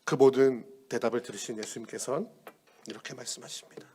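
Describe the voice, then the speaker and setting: A male pastor preaching an earnest sermon, moving between loud appeals and hushed words. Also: medium pitch, steady tone, quick pace, slight background noise.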